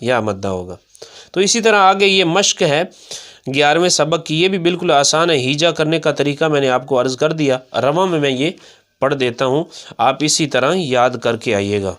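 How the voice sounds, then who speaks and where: A man with a Pakistani Urdu accent teaching Quran pronunciation in a fairly high voice. He drills each syllable slowly and repeats it, asks questions and answers them himself. When he recites, he stretches out and intones the words. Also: expressive, fairly bright tone.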